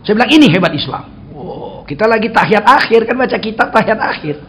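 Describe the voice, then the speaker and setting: A man's voice: sits high, a little fast, slight background noise. A man preaching a sermon in a mosque, telling stories and acting out dialogue. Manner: storytelling, acting out dialogue with lively shifts.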